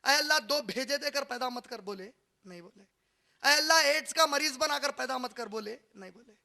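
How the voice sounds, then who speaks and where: Impassioned high-voiced preacher. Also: male voice, moderate pace, creaky. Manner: impassioned, swings from soft asides to loud cries; rhetorical questions to the audience. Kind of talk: religious lecture. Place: lecture hall.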